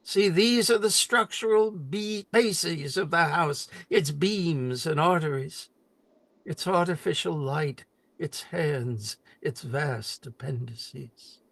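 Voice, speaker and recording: An older man giving a solemn, deliberate reading of memorial poetry with dramatic emphasis. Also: a little high, gravelly, fairly bright tone, no echo. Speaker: poet.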